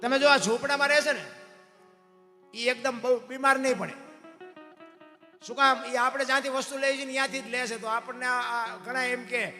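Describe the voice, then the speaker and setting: A man's voice: extremely high pitch, steady tone, a little fast, long pauses, bright, forceful tone. A man, a folk storyteller talking in a homely, preachy way to a live audience and often calling them "bapu". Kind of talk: folk stage storytelling talk. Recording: long hall reverb, faint music behind.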